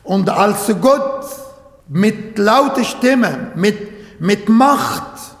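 Earnest male preacher, high voice, unhurried emphatic delivery, echoey hall. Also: sing-song. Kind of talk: sermon. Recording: echoey hall with long reverb.

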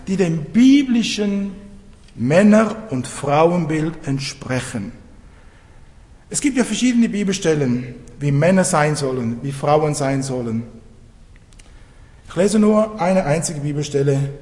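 Middle-aged male preacher, animated and high-pitched, conversational sermon in a reverberant church hall. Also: takes it slowly, long pauses. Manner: lively, conversational, asks the congregation questions.

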